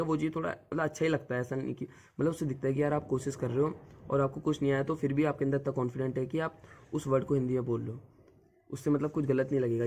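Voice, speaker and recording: A young man with a mid-range, warm voice coaches viewers on group discussions. He's an exam coach giving tips in a casual spoken lesson, speaking directly and leaning on the same filler word again and again.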